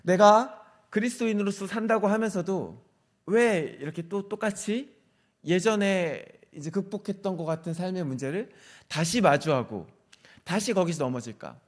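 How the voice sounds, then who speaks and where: A middle-aged male pastor preaching in a relaxed, conversational way to a youth service. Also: high-pitched, moderate pace. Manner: conversational, acts out quoted dialogue. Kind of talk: sermon.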